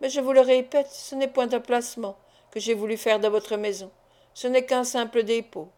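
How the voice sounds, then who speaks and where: A woman's voice: a little high, fairly even intonation, darkish tone, lightly acted. A woman reading the lines of a cold, reserved male count in an audiobook. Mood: cool. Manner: cold, measured.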